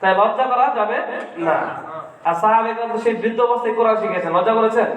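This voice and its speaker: A man's voice: sits high, racing. A man teaching a Quran reading class to children. He keeps asking the class questions and answering them himself, and he draws out the letter sounds. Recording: echoey hall, far from the mic.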